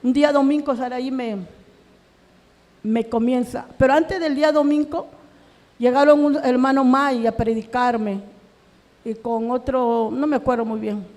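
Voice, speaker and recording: Very high-voiced woman giving an emotional testimony. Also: steady tone, unhurried, a little mellow, big-room sound. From Peru. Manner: earnest, acts out remembered dialogue, voice rising in anguish. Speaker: church member giving testimony. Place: church hall.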